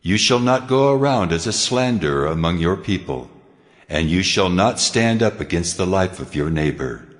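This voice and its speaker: A booming male voice plays God, the almighty Lord, stern and solemn, in a dramatized scripture reading. He delivers slow, weighty proclamations expressively and in a solemn mood. Long hall reverb sits over music.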